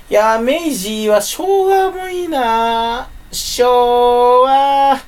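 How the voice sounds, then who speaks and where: Drowsy rambling man with a stuffy nose. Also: high voice. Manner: rambling, talks to himself, self-correcting. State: sleepy. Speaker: channel host. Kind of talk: casual solo chat.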